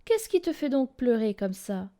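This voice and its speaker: Woman voicing an old granny in a storybook, quavery, gentle, soft. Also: a little high, sing-song, normal speed. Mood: soothing.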